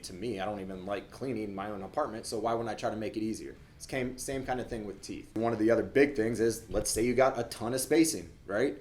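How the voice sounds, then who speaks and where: Man, dentist, young adult, lowish voice, casual chat to camera, repeats words. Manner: conversational, repeats words, fillers. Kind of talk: casual explainer talk to camera.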